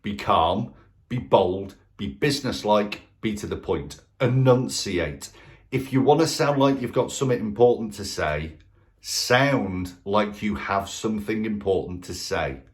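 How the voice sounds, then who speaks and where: A man's voice: lowish voice, lively intonation, a little slow. Brief: male sales trainer, emphatic and direct, coaching in a talk to camera with rhetorical questions.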